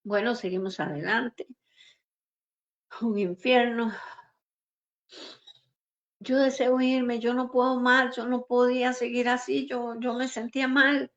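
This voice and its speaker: High woman preacher, earnest testimony, muffled lo-fi sound. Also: flat delivery, slow, pauses often, fairly bright tone. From Costa Rica. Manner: earnest, acts out quoted dialogue. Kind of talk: emotional personal testimony. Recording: dull lo-fi recording.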